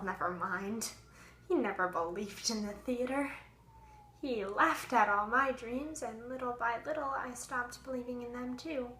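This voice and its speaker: A young woman acting a stage monologue as a fragile, haunted young actress worn down by heartbreak, her voice swinging between hushed whispers and raised outbursts. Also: on the high side, slight background noise. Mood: anguished. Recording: echoey room.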